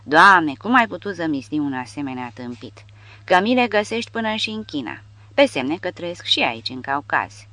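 A woman's voice: low voice, very animated, hardly any pauses, a bit bright, full character voice. A woman voicing a worldly, scornful male legionnaire soldier in an audiobook. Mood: exasperated.

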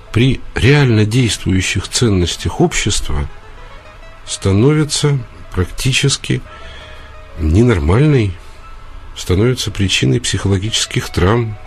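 Radio host, male, low-pitched, earnest lecturing with pauses; faint music under the broadcast. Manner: earnest, emphatic lecturing with hesitations. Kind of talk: radio call-in talk.

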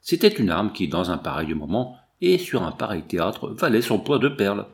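Male audiobook reader, expressive, animated intonation. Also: fairly low pitch, moderate pace. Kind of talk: scripted narration.

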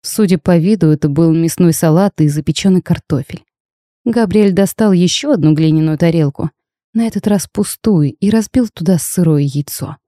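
A woman reads a first-person fantasy audiobook with wry, expressive storytelling. Her voice is low, dark and mellow. The sound is dry and close to the mic. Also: normal speed, no echo. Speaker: audiobook narrator.

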